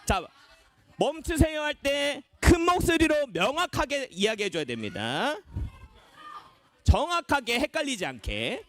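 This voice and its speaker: A man's voice: extremely high pitch, a little slow. A young man, a children's ministry evangelist, playfully explaining a game to kids during worship. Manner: animated, playful instructions to kids. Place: church children's worship room.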